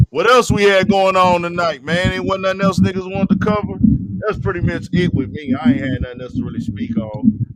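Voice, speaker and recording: A man's voice: a little high, creaky, rough recording. A man hosting a streamed talk show, speaking bluntly in profane slang and repeating his points. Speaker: show host. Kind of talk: casual streamed commentary.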